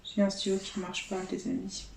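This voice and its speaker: A woman's voice: medium pitch, monotone, a little fast, gravelly, a little mellow. A woman vlogger giving casual running commentary to her viewers, chatty and steadily calling out letters and numbers. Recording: roomy echo, faint background noise.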